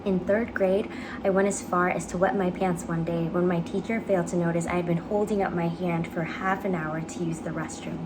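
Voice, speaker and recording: Young woman's low, earnest dramatic reading, noisy. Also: fairly even intonation, a little fast. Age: young adult. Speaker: actor reading own application essay. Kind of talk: dramatic reading of a personal essay. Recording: clearly noisy background ambience.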